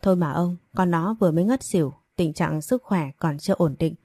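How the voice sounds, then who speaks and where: A woman reading the lines of a gentle, caring middle-aged mother in a storybook narration, in a soothing manner. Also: lowish voice, a little fast, slightly rough, no room sound, clean studio sound. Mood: gentle concern.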